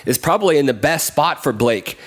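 A man's voice: fairly high pitch, expressive, brisk. A man co-hosting a casual sports talk show, chatty, with restarts and repeated words as he runs through recruiting notes. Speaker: recruiting analyst co-host.

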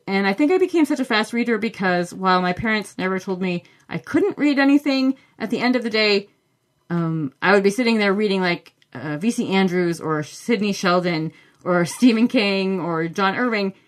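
A woman's voice: mid-range voice, expressive, normal speed. A woman hosting a book podcast, chatting casually and enthusiastically as she answers listener questions. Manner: chatty and enthusiastic, with many fillers. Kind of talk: casual solo podcast talk.

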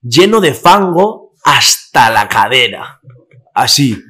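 A man's voice: medium pitch, big pitch swings, slow pace, pushed and bright, slightly rough. A young man from Spain, a podcast guest telling stories in casual chat, full of fillers and acted quotes.

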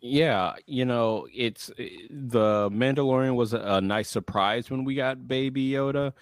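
A man co-hosting a casual podcast chat, thoughtful and hesitant, filling pauses with "you know". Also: medium pitch, no echo, studio quality. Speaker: podcast co-host.

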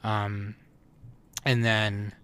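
Here a male podcast co-host chats loosely, rambling with frequent fillers and restarts. His low-leaning voice is clean and a bit bright, but his delivery is flat and his words are drawn out.

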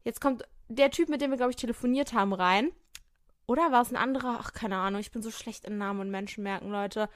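A woman's voice: on the high side, quick pace, no echo, studio quality. A woman casually commenting while playing a story game, chatting to her viewers. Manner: chatty, addresses viewers as "Leute", laughs often. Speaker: game player and podcaster.

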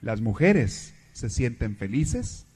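A man's voice: mid-range voice, sing-song, takes it slowly, darkish tone, husky. A man, a priest giving a sermon in a storytelling, joking manner.

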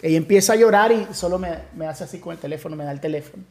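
Pastor recounting his conversion, warm low tone, stop-start storytelling. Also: rapid-fire. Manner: storytelling with many restarts, acts out quoted voices. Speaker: pastor, podcast guest. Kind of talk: emotional personal testimony.

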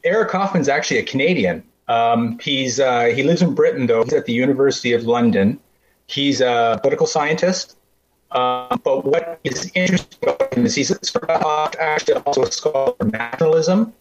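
A man's mid-pitched voice comes through a dull, lo-fi call line that keeps breaking up and dropping words. He explains in a steady, academic way with the odd filler, and faint music sits low behind him. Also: fairly quick. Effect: choppy connection breaking up. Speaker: guest writer. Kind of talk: remote radio interview. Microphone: phone or internet call.

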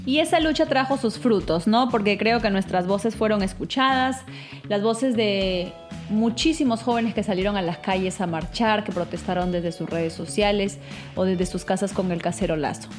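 A woman's voice: medium pitch, moderate pace, soft background music. A woman in her thirties with a Peruvian Spanish accent, hosting a casual, chatty podcast for female listeners. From Peru. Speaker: podcast host.

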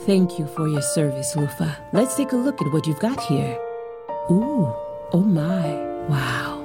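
A woman voicing the disembodied voice of a wise planet queen who speaks from all around, calm and gracious. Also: low voice, a little slow, loud music behind the voice, exaggerated voice. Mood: reflective.

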